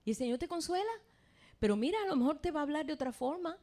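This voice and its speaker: A woman's voice: animated, fast talker. Fervent woman preaching a sermon. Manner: swings from soft, low pleading to loud, high proclaiming.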